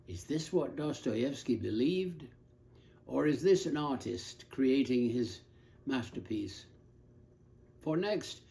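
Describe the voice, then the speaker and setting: A man's voice: on the high side, mellow. A man giving an earnest, scripted lecture on a novel, telling it like a story. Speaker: lecturer on literature.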